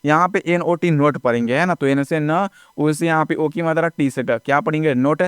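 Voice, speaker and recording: A man's voice: fairly high pitch, normal speed, smooth, dry recording, clean studio sound. A man teaching English phonics step by step, spelling words out letter by letter and often checking in with "ठीक है ना". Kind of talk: classroom-style phonics lesson.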